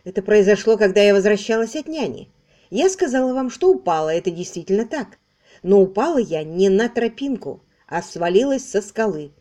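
A woman voicing a shaken but firm heiress in an audiobook, speaking in a mellow, measured way. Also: medium pitch, animated, natural voice.

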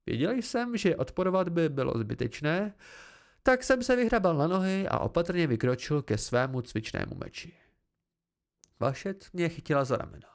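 Male amateur audiobook narrator, expressive first-person storytelling, fairly high voice, animated pitch. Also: gravelly.

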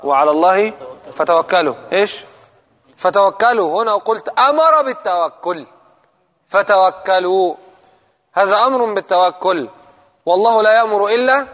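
A man gives a religious lesson in a high-pitched voice, posing questions to his listeners and repeating the key points. The sound has a long reverb, as if recorded in a large hall. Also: a bit bright. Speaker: preacher.

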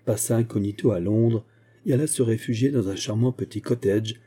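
A man narrates an audiobook with steady, literary pacing. His voice is low, very dark and mellow, with a husky edge. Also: brisk. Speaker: audiobook reader. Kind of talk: scripted narration.

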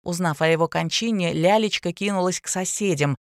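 Low-voiced woman narrating a novel. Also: a little fast, no echo, studio quality. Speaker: audiobook narrator. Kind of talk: scripted narration.

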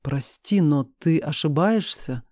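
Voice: medium pitch, lively intonation, slow, a little mellow, no echo, clean studio sound. A reader voicing an indignant young woman heroine who protests against accusations in an audiobook.

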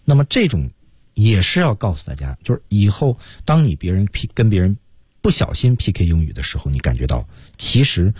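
Lively low-voiced male radio teacher. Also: breathy edge, no room sound, clean studio sound. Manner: drills phrases slowly, stresses key words. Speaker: English pronunciation teacher, radio host. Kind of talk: radio language lesson. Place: radio studio.

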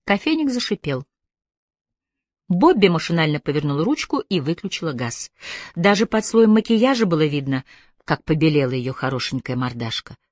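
A woman's voice: low-pitched, normal speed, no room sound, studio quality. A woman narrating a novel expressively, giving the characters different voices. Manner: lively storytelling with varied voices. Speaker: audiobook narrator.

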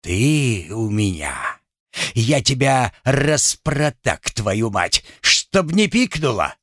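A man reading an audiobook, voicing a violent, furious Cossack husband who shouts abuse at his wife. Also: mid-range voice, slow, no room sound, studio quality, lightly acted. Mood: enraged.

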